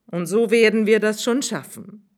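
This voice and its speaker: A woman's voice: mid-range voice, normal speed, darkish tone, voice pushed up, lightly acted. A woman reading a storybook aloud, voicing a clever male swineherd who explains his plan eagerly.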